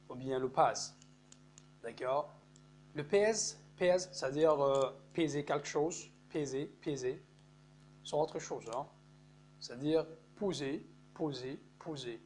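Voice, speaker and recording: Slow, deliberate non-native French teacher. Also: male voice, a little high, a little mellow. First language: Arabic. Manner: repeats words, checks in with "d'accord?". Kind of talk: slow explanatory lesson. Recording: faint mains hum.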